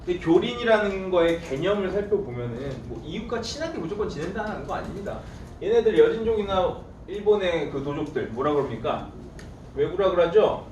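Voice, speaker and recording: A man with a slightly high, animated voice lectures a classroom, firing questions at his students and answering them himself. He teases them in a playful way. He is picked up from a distance in an echoey room with faint background noise. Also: brisk, lo-fi sound. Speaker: history teacher.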